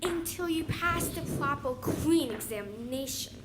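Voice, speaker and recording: A woman's voice: high-pitched, lively intonation, a little slow, noisy background. A woman playing a scatterbrained, haughty fairytale queen in a children's play, fussy and imperious as she questions. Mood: scolding.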